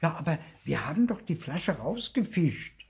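A man's voice: on the high side, moderate pace, vocal fry, breathy edge, voice pushed up, full character voice. An older man reading aloud and voicing an eager, curious young boy ghost. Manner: eager, excited questions.

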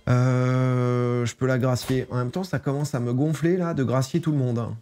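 A gaming streamer plays a strategy game and offers casual let's-play commentary, chatting and reading the game text aloud. His mid-range voice is warm, his delivery flat, and his speed normal.

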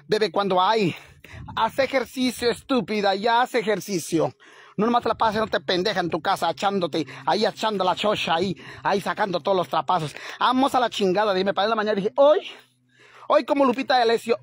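A man's voice: high voice, fairly bright tone, slightly rough, dry recording. A man voicing a brash, foul-mouthed middle-aged woman out jogging, who chats crudely and dramatically to viewers she calls sisters. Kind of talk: comic character vlog. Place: outdoors on the street.

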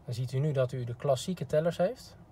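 Here a man with a mellow mid-range voice talks fairly quickly through a friendly, informal instructional demo. He's a car product expert recorded in a parked car, with clear background noise.

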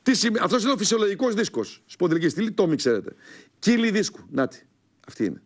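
A high-voiced man hosts his own TV show from a studio. He rants angrily and shouts at viewers, insulting his targets, then turns to pushing products for sale. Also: big pitch swings. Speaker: TV show host. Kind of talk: heated political talk and product pitch.

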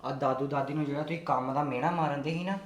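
Sex: man. Figure: earnest protesting son, acted by a man. Pace: fast. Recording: roomy echo. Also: fairly high pitch, steady tone, lightly acted. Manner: quick, protesting. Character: earnest son standing up for his grandparents.

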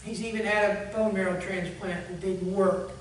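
A man preaching a sermon as pastor, telling a story in a conversational way and closing in soft prayer. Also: high-pitched, fairly even intonation, normal speed. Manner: conversational storytelling, earnest appeal, fading to hushed prayer. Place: church sanctuary. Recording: echoey church hall, far from mic, faint hum.

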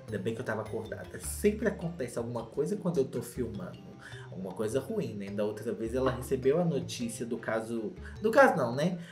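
A young man with a Brazilian Portuguese accent recapping a reality show in a campy, dramatic gossip style. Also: a little mellow. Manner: campy, dramatic, acts out quotes in shrill voices. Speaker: reality TV commentator. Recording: roomy echo, faint background music.

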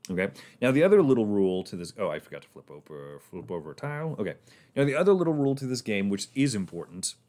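A man's voice: lowish voice, sing-song, fast, a little mellow. A man casually talking through his moves in a board game on a livestream, rambling and laughing often.

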